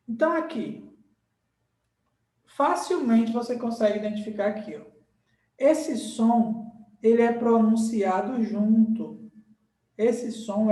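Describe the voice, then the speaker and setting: A man teaches grammar at an unhurried, drawn-out pace, repeating words and stopping to ask "right?" His voice sits in the middle of the pitch range and sounds roomy and a little distant, as if recorded in an echoey room away from the mic. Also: darkish tone. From Brazil. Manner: slow, repeats words and checks in with "tá?" and "certo?". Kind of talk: recorded grammar lesson at a board.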